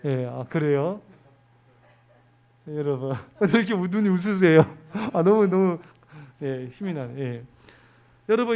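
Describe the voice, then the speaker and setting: A man's voice: high-pitched, darkish tone. A man preaching a sermon as pastor, talking with his congregation and putting questions to them. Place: church sanctuary.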